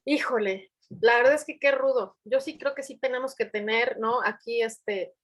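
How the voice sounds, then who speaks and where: Animated woman psychologist telling stories. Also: on the high side, moderate pace. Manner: animated storytelling, acting out quoted voices. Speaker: forensic psychologist in family court. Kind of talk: panel discussion over video call. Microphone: video call.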